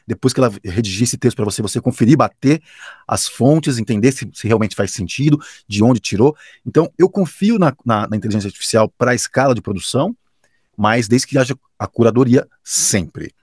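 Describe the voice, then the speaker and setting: This is an enthusiastic Brazilian announcer speaking casually in an interview. His husky voice moves animatedly up and down in pitch, and he stresses his points hard. The recording is dry and close. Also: animated, brisk, darkish tone, no room sound. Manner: enthusiastic, emphatic, with frequent restarts. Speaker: professional announcer and radio director.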